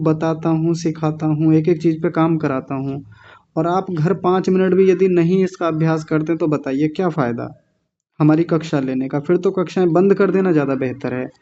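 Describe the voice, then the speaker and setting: Stern Sanskrit teacher drilling pronunciation. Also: male voice, a little high, warm tone. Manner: stern, scolding students, drilling pronunciation syllable by syllable. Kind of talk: online class teaching. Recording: dull lo-fi audio.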